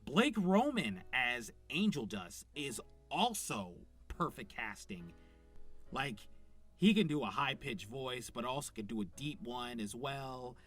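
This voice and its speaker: A man's voice: mid-range voice, big pitch swings, slow pace, a bit bright. Man, voice actor, unscripted commentary, enthusiastic, rambling, fillers, faint music behind. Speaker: voice actor reviewing a show.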